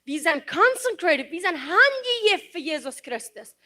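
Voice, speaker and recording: A woman preaching a sermon in a very high, bright voice. Her pitch leaps up and down with lively emphasis. She drives her points home with repeated phrases and slips English words into her talk. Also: moderate pace.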